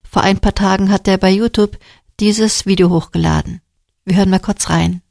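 Woman, show host, interviewer, friendly guiding questions, mid pitch. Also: fairly even intonation, moderate pace, gravelly, darkish tone. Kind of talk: interviewing a studio guest.

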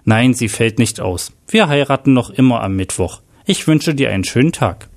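Guy reading the part of a cop with a short fuse, clipped and slow, storybook crime thriller, average pitch. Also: lively intonation, close to an everyday voice. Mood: brisk. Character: hot-tempered male detective under pressure.

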